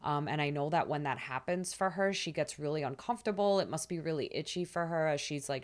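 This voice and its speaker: A woman hosting a spiritual astrology channel, talking in a soft, soothing way with casual fillers. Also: deep voice. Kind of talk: gentle spiritual talk to camera.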